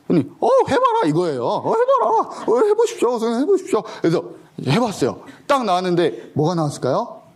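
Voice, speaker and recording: A man's voice: mid-range voice, darkish tone. A man preaching a sermon as an education missionary, telling stories animatedly and acting out the dialogue. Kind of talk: sermon with storytelling.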